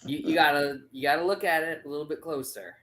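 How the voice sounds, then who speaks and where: A man in his late thirties co-hosting a casual podcast, relaxed and hesitant, with many fillers. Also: on the high side, fast, poor audio. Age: 30s. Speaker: podcast co-host.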